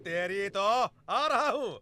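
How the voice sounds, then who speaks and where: A furious shouting gang boss. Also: male voice, high-pitched, expressive, slow, loud music behind the voice. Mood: furious, threatening. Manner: shouting, menacing. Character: ruthless male gang boss, hot-tempered and threatening. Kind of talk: Hindi film dubbing. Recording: loud film score under dialogue.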